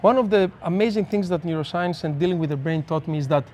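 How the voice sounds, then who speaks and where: A man's voice: a little high, fast, darkish tone. A man with a Greek accent, a neuroscientist guest speaking in an earnest, reflective way in a casual podcast conversation. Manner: earnest, reflective, explains with examples.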